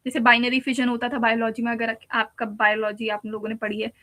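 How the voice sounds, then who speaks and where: Woman, teacher, high voice, patient step-by-step exam-prep lecture. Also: completely flat delivery, brisk, sharp tone. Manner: patient, explains step by step with repeated examples. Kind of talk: exam-prep lecture mixing Hindi and English.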